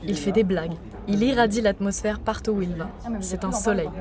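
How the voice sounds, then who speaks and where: A young woman from France narrating her own podcast in an earnest, measured, personal way. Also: mid-range voice, music in the background. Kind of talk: scripted first-person narration.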